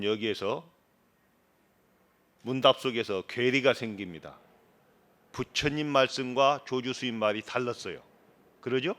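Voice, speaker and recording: Buddhist monk giving a lively dharma talk. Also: male voice, medium pitch. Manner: asks the audience questions, imitates regional dialects; swings between loud emphasis and quiet asides.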